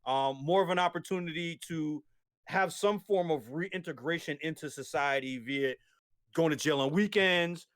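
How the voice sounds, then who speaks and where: A man with a somewhat high voice lays out his point in a long, casual debate. He keeps restarting his sentences and checking in with "right?" as he goes. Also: normal speed, a bit bright. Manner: explains at length, many restarts and tag questions. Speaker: guest.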